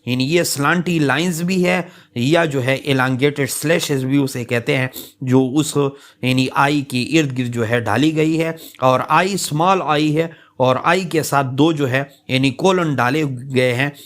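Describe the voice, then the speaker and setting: Slow, patient male language teacher. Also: medium pitch. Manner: slow, repetitive explaining with many fillers; drawn-out example words. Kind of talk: lecture on English pronunciation.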